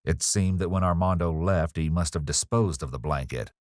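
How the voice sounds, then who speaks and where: Deep-voiced man narrating true crime. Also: no room sound, clean studio sound. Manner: measured, ominous. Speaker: documentary narrator.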